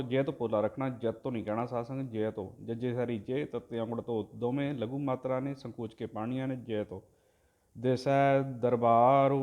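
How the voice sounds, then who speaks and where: A man of middling pitch teaches careful recitation, drawing each verse out slowly and loudly before explaining it. His voice stays fairly level throughout, with little rise and fall. Between verses he speaks softer and quicker, spelling out the vowel marks one by one. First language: Punjabi. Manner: chants verses slowly and loudly, then explains pronunciation quietly. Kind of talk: line-by-line recitation lesson.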